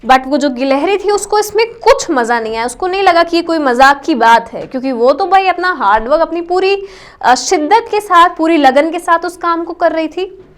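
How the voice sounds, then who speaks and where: A woman's voice: extremely high pitch, animated, normal speed. A woman teacher, explaining a story lesson and stopping to give the meanings of words. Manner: explains word meanings, mixes English with Hindi.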